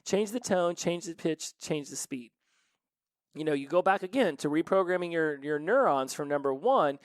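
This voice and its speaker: A man hosting a solo self-help podcast from his office, talking in an energetic, emphatic and playful way. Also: a little high, normal speed, dry recording. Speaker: podcast host.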